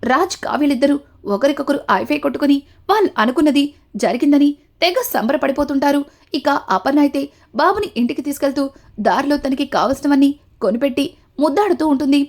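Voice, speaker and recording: A woman with a notably high voice tells a TV serial episode as a story. She moves steadily from one event to the next, tying them together with the same linking words again and again. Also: a little fast. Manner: steady retelling, links events with repeated connectives.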